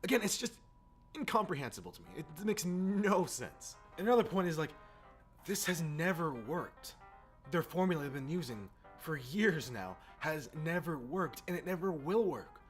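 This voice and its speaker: Very animated and fairly high-pitched, a man vents his exasperation at a moderate pace. As a gaming video host, he keeps the rant casual, opinionated and full of swearing, accompanied by background music.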